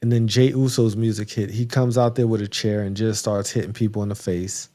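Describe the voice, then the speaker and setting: A man's voice: fairly low pitch, little pitch movement, brisk, warm tone. A man co-hosting a podcast, recapping wrestling matches in a rambling casual chat, laughing now and then, with a touch of hiccups. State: has the hiccups. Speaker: podcast co-host.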